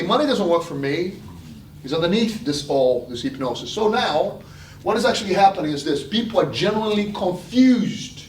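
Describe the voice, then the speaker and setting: Male motivational speaker, emphatic repetition and acted-out quotes, distant echoey sound with faint noise. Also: high voice. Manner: animated, rhetorical questions, acts out imagined quotes; repeats phrases for emphasis. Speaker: speaker giving a wealth seminar. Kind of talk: motivational seminar talk.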